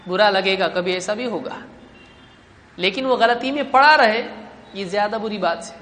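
A man's voice: high-pitched, pushed and bright, big-room sound. A man giving an Islamic sermon, acting out everyday scenes in quoted voices. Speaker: preacher.

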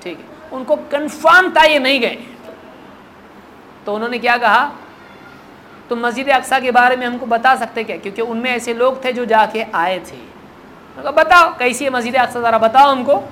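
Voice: medium pitch, sharp tone, slight background noise. Preacher reciting then explaining. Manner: recites Arabic slowly, then explains in colloquial Urdu; acts out the dialogue of the story. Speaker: Islamic preacher. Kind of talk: hadith lesson sermon.

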